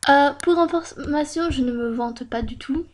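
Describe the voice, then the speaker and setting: A woman YouTuber chats casually over a screen recording at her computer at home, rambling with lots of fillers and self-mocking asides. Her voice sits high and moves at a moderate pace.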